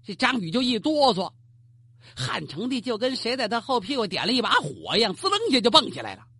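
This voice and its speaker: Animated, husky-voiced traditional storyteller. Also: mid-range voice, fast, no room sound. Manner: animated, colloquial, asides to the listener.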